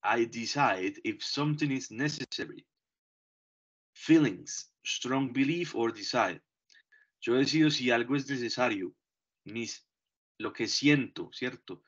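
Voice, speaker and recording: A man teaching English grammar, explaining slowly and deliberately and checking in with short questions. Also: mid-range voice, fairly bright tone, husky. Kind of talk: bilingual grammar lesson. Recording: dull lo-fi recording.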